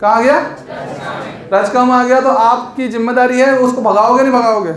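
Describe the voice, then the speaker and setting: A man's voice: extremely high pitch, fairly even intonation, moderate pace. A man teaching an exam coaching lesson, explaining memory tricks and asking the class questions that he answers himself. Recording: echoey room.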